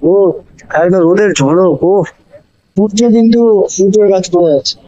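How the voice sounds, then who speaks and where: A man's voice: high voice, normal speed, highs cut off. A man chats to viewers as a motorcycle vlogger, explaining and advising with repeated phrases, his voice enclosed inside a helmet. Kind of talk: casual riding vlog chat addressed to viewers. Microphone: moto vlogging helmet microphone.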